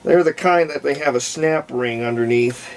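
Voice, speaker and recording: At his workbench, a man presenting a repair video thinks aloud in casual, unscripted commentary while working on a hobby restoration. He speaks at normal speed in a mid-range voice that is gravelly and creaky, with clear background noise.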